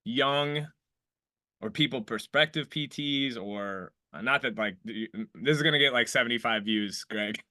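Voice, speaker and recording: Forceful, dry-voiced man in his thirties hosting. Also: mid-range voice, moderate pace, no room sound. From Iowa, United States. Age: 30s. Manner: rambling, swears freely, many restarts. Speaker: podcast host. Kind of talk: casual podcast interview.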